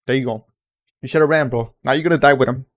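Slangy, animated man reacting. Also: medium pitch, fast. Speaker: reaction video host. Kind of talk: casual reaction commentary.

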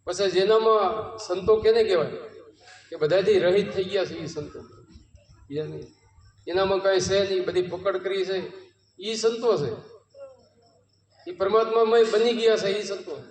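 High-voiced Gujarati man preaching in a roomy hall. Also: normal speed, long pauses. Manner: storytelling, rhetorical questions, quoting devotional verses. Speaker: satsang preacher. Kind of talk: devotional satsang sermon. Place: home courtyard gathering. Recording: roomy, distant mic with long reverb.

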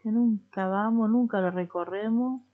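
A woman's voice: mid-range voice, moderate pace, phone-quality sound. A young woman with a Rioplatense Spanish accent, chatting casually as she plays a life simulation game and talks to the characters. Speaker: gaming streamer. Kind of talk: casual gameplay commentary.

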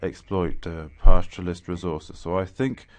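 A man with a very low voice works as a conference interpreter, rendering a speaker's remarks into English. His delivery is measured and halting, full of small pauses and restarts as he keeps pace with the speaker. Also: fairly even intonation, darkish tone.

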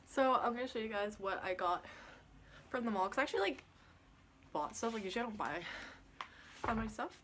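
A woman's voice: on the high side, very animated, brisk, long pauses, a bit bright, a little hiss or hum. A young woman from Canada chatting casually to her phone camera in her bedroom, filling her talk with "like" and "yeah". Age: young adult. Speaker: vlogger. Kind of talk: casual vlog chat. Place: small bedroom indoors. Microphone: phone camera at arm's length.

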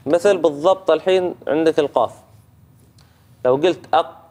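Speaking fairly quickly in a slightly high, darkish voice, a man with a Gulf Arabic accent judges Quran recitation. He patiently offers tajweed feedback on the rules, demonstrating sounds and frequently checking in with the reciter.

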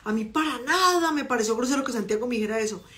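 A middle-aged woman with a Colombian accent leads a personal growth talk, her voice sitting a touch high. She moves between explaining ideas and animated storytelling, acting out the people she quotes. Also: fast talker. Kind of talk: motivational talk with personal anecdotes.

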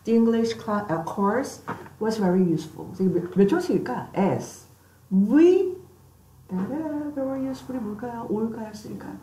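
A woman's voice: medium pitch, lively intonation, slow, mellow, a little hiss or hum. A woman teaching an English vocabulary class, drilling pronunciation with call-and-repeat cues and teasing her students with playful questions. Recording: echoey classroom.

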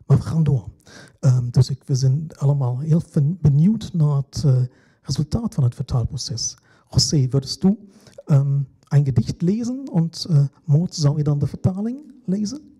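Husky, hesitant moderator. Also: male voice, on the high side, lively intonation, moderate pace, dark tone. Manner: hesitant, explanatory, with many fillers. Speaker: festival moderator. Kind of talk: moderating a literary event.

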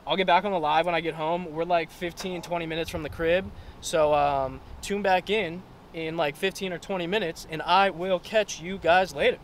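A man's voice: on the high side, fairly even intonation, moderate pace, hardly any pauses, slight background noise. A man in his twenties talking casually to his phone camera as a fitness vlogger, laid-back, upbeat and full of slang. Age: 20s. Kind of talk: casual vlog talk to camera. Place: car, restaurant and home kitchen.

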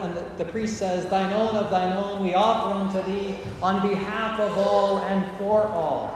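A man preaching a sermon to a congregation, earnest and emphatic, slowing down to stress key phrases. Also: high-pitched, background noise. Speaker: priest. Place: large church with painted walls, congregation present. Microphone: far camera at the back of the church. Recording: very echoey church hall with faint ambience.

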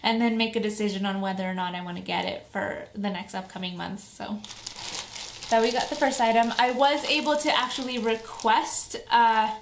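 An excited woman hosts a casual unboxing vlog in a fairly high voice. She gushes like a devoted fan, stretching words for emphasis and exclaiming with delight. The room is echoey, with slight noise behind her. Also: moderate pace. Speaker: vlog host. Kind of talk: casual unboxing chat to viewers.

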